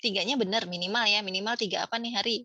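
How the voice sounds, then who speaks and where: Indonesian woman lecturer, bright slightly husky voice, dry close sound, patient step-by-step explainer who quizzes her students. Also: medium pitch, steady tone, rapid-fire, dry recording. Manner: explanatory, asks students questions, many fillers. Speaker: statistics lecturer. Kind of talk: online class lecture.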